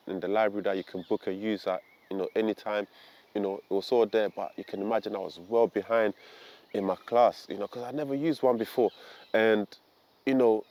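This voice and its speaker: A young man from Ghana tells his own story to the camera in a lowish voice. He talks in an earnest, reflective way and leans on casual fillers like "you know.". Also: darkish tone. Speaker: vlogger.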